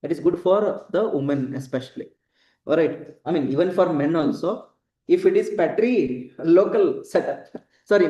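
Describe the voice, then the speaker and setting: A man's voice: fairly high pitch, warm tone, lo-fi sound. A man with an Indian accent lecturing a class, repeating key points and often checking that students follow. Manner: didactic, repeats points, frequent check questions like "correct?" and "right?". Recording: roomy echo, voice distant from mic.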